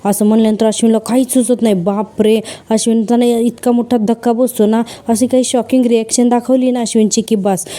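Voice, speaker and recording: A woman recaps a serial episode with lively storytelling and lots of fillers. Her voice sits a little high and sounds quite dark and mellow. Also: fairly quick, hardly any pauses.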